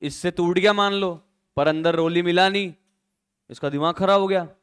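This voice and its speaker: A man's voice: sits high, normal speed, fairly bright tone, smooth. A male accounting teacher from India who explains through a silly story and keeps checking that students follow. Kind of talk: classroom lecture.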